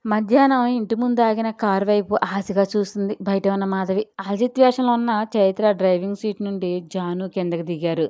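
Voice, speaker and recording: Woman storyteller, measured and expressive; smooth clear tone, dry, slightly dull recording. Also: medium pitch, no echo. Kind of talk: scripted story narration.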